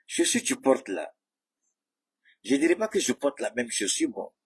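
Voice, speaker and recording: A man's voice: medium pitch, wildly swooping pitch, a little slow, breathy edge. A man giving a heated, mocking political commentary, speaking straight at his rivals. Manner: mocking, combative, addresses rivals directly.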